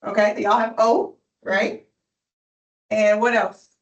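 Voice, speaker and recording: A woman's voice: mid-range voice, flat delivery, slow, reverberant, far from the mic, dull audio. A woman tutoring a student in phonics, patient and encouraging, often checking in with "right?". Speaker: reading tutor. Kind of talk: one-on-one phonics lesson.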